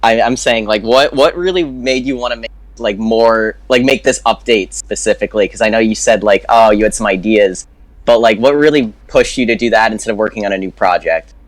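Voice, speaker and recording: A man's voice: fairly low pitch, brisk, dry recording. Rambling man asking a question. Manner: rambling, filler-heavy questioning. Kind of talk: livestream Q&A call-in.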